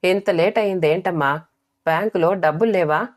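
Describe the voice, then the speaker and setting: A woman's voice: normal speed, natural voice. A woman voicing a scolding, fretful mother. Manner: scolding, shrill when angry. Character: worried scolding middle-aged mother.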